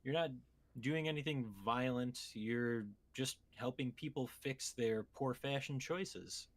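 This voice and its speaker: Taking his time, a medium-pitched male co-host chats about video games on a podcast. His explanations drift along in a casual, conversational manner.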